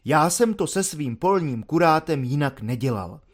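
A man voicing a placid, good-natured soldier who rambles along calmly and easily, in a storybook reading. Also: on the high side. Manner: calm, rambling, slow and easygoing.

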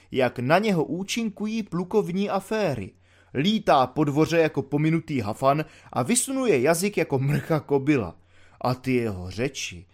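A man's voice: fairly high pitch, lightly acted. A man voicing a bitter, mocking young army volunteer locked in a cell, ranting sarcastically. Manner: sarcastic ranting, spits out insults. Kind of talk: audiobook character voice.

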